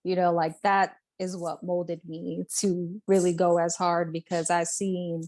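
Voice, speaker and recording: A woman's voice: lowish voice, little pitch movement, measured pace, darkish tone. A woman raised in Brooklyn, chatting earnestly as a guest artist and filling her talk with "like" and "you know". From born in Puerto Rico, raised in Brooklyn. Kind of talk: casual interview chat.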